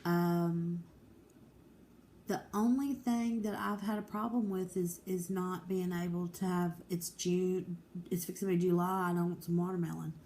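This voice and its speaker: Slow-talking woman in her forties. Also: on the low side, fairly even intonation, mellow, slight background noise. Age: 40s. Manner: candid, rambling, determined, with many fillers. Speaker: vlogger. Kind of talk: casual personal vlog.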